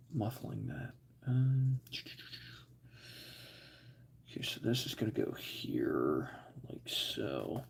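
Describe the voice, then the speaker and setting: Slow, gravelly man muttering over his work. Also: medium pitch. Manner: mutters to himself while working, drifting quiet. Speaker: livestream host. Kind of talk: casual livestream chat while building models. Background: faint air compressor hum.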